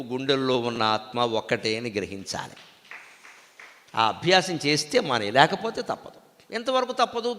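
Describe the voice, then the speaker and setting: Emphatic high-voiced man giving a devotional discourse. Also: sharp tone. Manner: emphatic, with rhetorical questions. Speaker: discourse speaker. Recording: long hall reverb.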